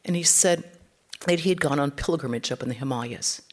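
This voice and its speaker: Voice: medium pitch, a little fast. A spiritual teacher giving an informal talk, speaking conversationally and acting out the quotes in the stories.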